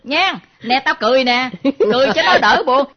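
A woman playing a fussy, easily alarmed mother who scolds her children in a comic stage play. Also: sits high. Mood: exasperated. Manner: scolding, excitable, quick to alarm. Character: fussy anxious mother of the household. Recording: muffled lo-fi recording.

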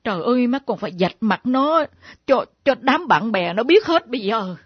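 An actress in a radio drama plays the indignant ghost of a betrayed mother, scolding and exclaiming, sometimes dropping into whispered asides. Her voice is a little high and animated with a breathy edge, at a moderate pace, with no echo, on a dull lo-fi old radio recording.

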